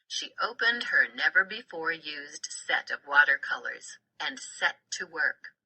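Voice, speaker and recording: A woman narrates a children's story with a very bright, crisp-edged tone. Her pitch sits a little low for a woman, and she reads slowly and deliberately, with expression. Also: expressive, low-quality recording. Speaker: storybook reader.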